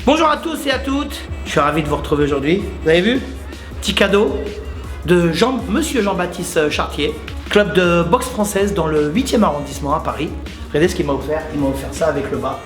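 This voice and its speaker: A man who hosts a muay thai channel talks to the camera in a casual, enthusiastic way, addressing his viewers directly and repeating his points. His fairly high voice has lively intonation and a fairly quick pace. The room is reverberant, with soft music in the background.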